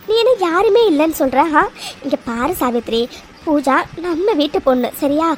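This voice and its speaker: A woman's voice: high voice, a little hiss or hum. A woman voicing a kindly elderly grandmother in a cartoon, soothing and coaxing, often ending lines with a question. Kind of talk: cartoon voice acting.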